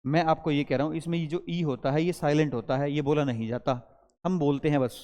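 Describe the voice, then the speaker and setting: A man's voice: a little high, steady tone, fairly quick, dark tone, in a large hall. A male teacher giving a grammar lesson that mixes Hindi and English, explaining step by step and quizzing his students as he goes.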